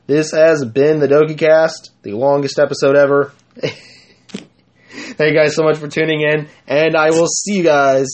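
A man's voice: a little high, little pitch movement, unhurried. A young man hosting his own podcast, rambling casually through an outro with frequent giggles and self-corrections into a home mic. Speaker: podcast host.

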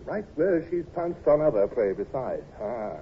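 A wry, commanding naval commodore speaks in a crisp, dry, steady voice of middling pitch. The sound comes off a dull old radio recording with a faint hiss under it. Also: male voice, a little slow. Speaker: commodore and narrator. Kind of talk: 1950s radio drama acting.

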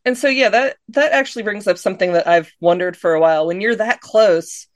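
A woman's voice: mid-range voice, fairly quick, no room sound. A woman hosting a podcast, asking long, thoughtful questions in a casual way. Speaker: podcast host.

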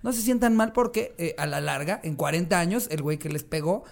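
A man's voice: fairly high pitch, brisk, creaky. A man co-hosting a casual podcast, reading out stories and acting out the quotes. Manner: crude slang, laughs often, acts out quotes in loud voices. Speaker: podcast co-host.

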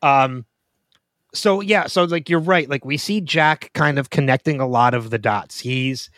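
A man's voice: mid-range voice, unhurried, no echo, clean studio sound. A man co-hosting a podcast, chatting casually and thinking aloud about a TV episode. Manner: relaxed, laughs easily, thinks aloud. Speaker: podcast co-host. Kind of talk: casual chat.

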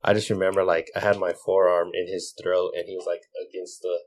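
A man's voice: low-pitched, flat delivery, fast talker. A young man telling a story in a loose, giggly way during a casual podcast chat. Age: young adult.

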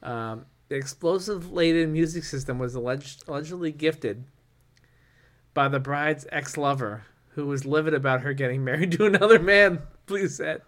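Male podcast co-host, somewhat high voice, rambling and excitable, laughs nervously through stories. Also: normal speed. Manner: rambling, animated, laughs nervously while reading. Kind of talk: casual podcast chat.

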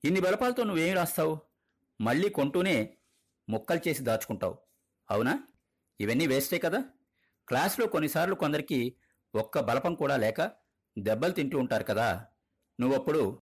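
A gentle, kindly schoolteacher, put on by a man reading a story aloud. His voice is husky and his questions stay soft and patient. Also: on the high side, big pitch swings, normal speed, long pauses. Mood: coaxing.

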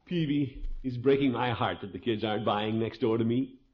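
A man acting a fretful, pompous, soft-hearted middle-aged uncle in a 1950s radio sitcom, blustering and hemming with theatrical sighs. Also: mid-range voice, normal speed, close to an everyday voice. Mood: worried. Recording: dull, noisy old radio recording.

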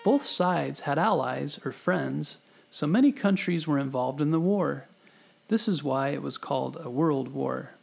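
A man with a slightly high, somewhat creaky voice reads a bedtime history story for children. His delivery is gentle and explanatory, addressed straight to the listener. Music plays clearly behind him. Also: lively intonation, measured pace. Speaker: host and narrator of a children's bedtime history show. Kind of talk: scripted storytelling narration for children. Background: background music.

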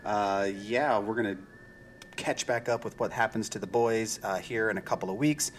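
A man's voice: fairly low pitch, moderate pace, a little hiss or hum. A man hosting a podcast, rambling casually through a TV episode recap with lots of "you know" and "like". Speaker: podcast host.

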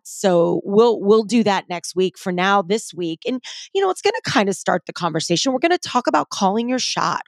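A woman's voice: mid-range voice, no echo. Female motivational podcast host, young adult, emphatic and slangy, punchy repeated phrases, dry recording. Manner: pauses between short, repeated phrases for emphasis. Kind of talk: motivational solo podcast talk.

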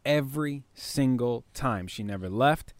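A man's voice: mid-range voice, unhurried, dry recording. Podcast cohost guy, earnest and heartfelt, dry close sound. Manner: earnest, heartfelt, repeats words. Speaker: podcast co-host. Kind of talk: casual podcast chat.

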